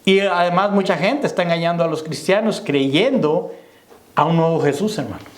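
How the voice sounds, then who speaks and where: On the high side and at normal speed, a man preaches to a church congregation. He repeatedly calls them "hermano" and asks "¿me entiende?" to see if they follow. The audio has the echo of a church hall.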